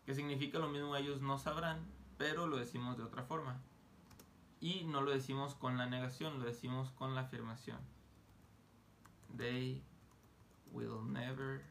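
A man teaching an online English lesson, explaining grammar casually and slowly sounding out English example phrases. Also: medium pitch, a bit bright, a little hiss or hum. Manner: slow, deliberate modeling of English phrases; casual, joking asides.

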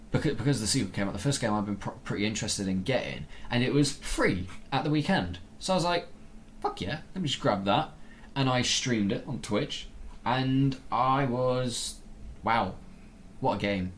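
A man's voice: mid-range voice, expressive, a little slow, slight background noise. A man co-hosting a podcast in natural, unscripted casual chat, rambling and enthusiastic about films and games. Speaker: podcast co-host.

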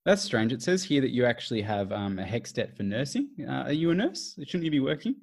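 A man's voice: medium pitch, sing-song, fairly quick, gravelly, darkish tone. A man improvising a defensive mid-forties husband who later plays a fussy hotline caller. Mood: officious. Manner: defensive, officious. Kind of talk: improvised comedy sketch.

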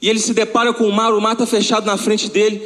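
A high-pitched male pastor with a Brazilian Portuguese accent preaches at a church service, telling stories casually with slang and acting out the conversations. His voice rings with a long reverb through the church hall. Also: flat delivery, fast talker, a bit bright. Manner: colloquial storytelling with slang, acting out dialogue. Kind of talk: sermon.

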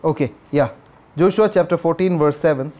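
A man's voice: a little high, moderate pace, darkish tone, muffled recording. A man preaching a sermon as a pastor, emphatic and repetitive, reading scripture aloud and asking the congregation questions. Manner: emphatic, repeats key phrases, reads scripture aloud.

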